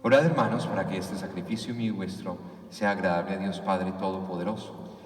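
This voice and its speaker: A man speaking as a priest, reciting the prayers of the Mass in a solemn, deliberate, declamatory way, with cathedral-like echo. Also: low-pitched, fairly even intonation. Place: large reverberant church. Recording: echoey church, long reverb, distant mic.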